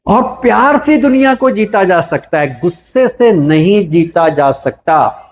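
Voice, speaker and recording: High-voiced Indian man giving a spiritual talk. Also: sing-song, a little slow. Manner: asks the audience questions and answers them himself. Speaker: spiritual speaker. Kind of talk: motivational spiritual talk to a live audience.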